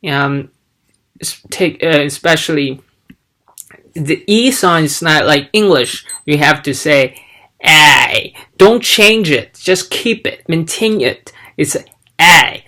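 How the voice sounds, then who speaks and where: A man whose first language is Chinese speaks slowly and haltingly in a casual teaching vlog about language learning, demonstrating sounds aloud. His voice is on the high side, with lively intonation and a sharp tone.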